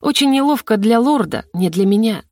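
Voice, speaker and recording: A woman reading a first-person fantasy audiobook in a lively, playful way. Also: a little high, normal speed, no room sound, studio quality. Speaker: audiobook narrator.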